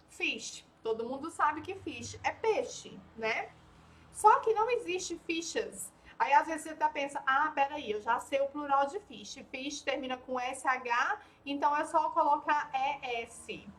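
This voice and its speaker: High-voiced woman teaching slowly. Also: fairly bright tone, a little hiss or hum. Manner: patient, repeats words slowly and checks in with "tá?". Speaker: English teacher. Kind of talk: online language lesson.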